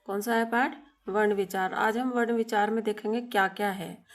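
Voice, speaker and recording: A woman's voice: medium pitch, fairly even intonation, moderate pace. A woman teaching a grammar lesson to schoolchildren, asking questions and answering them herself, drawing out sounds as she goes.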